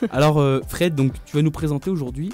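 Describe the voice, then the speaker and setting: A man's voice: a little high, brisk, a little mellow, soft background music. Playful, jokey male radio host. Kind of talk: radio interview.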